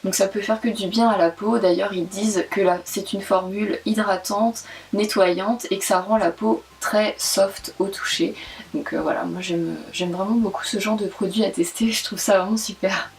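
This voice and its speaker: A woman's voice: medium pitch, steady tone, normal speed, far from the mic. A young woman chatting candidly through a beauty box review in a casual vlog. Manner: chatty and candid, frequent "franchement" and "super".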